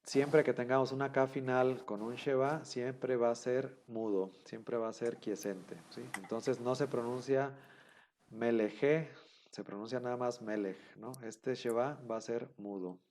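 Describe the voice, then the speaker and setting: A man's voice: mid-range voice, fairly even intonation, normal speed, few pauses, darkish tone, a little hiss or hum. Patient man teaching a class. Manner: patient, repeats rules, many fillers. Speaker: Hebrew teacher. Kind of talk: online class explanation.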